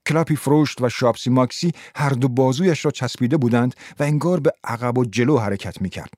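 A man reads a literary story in a measured, even narrating voice. The sound is dry and close to the microphone, with no room around it. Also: medium pitch, dry recording.

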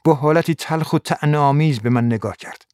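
A man reading a first-person noir novel as scripted audiobook narration in a steady, measured way. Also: on the high side, clean tone, no echo, clean studio sound.

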